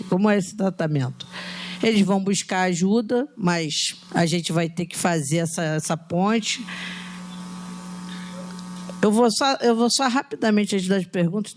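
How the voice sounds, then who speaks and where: A Brazilian woman lectures at a congress, working through her points with frequent restarts and little tag questions. Her voice has a gravelly, creaky edge. A faint noise sits under the speech. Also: fairly low pitch, darkish tone. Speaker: psychoanalyst lecturer. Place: conference hall.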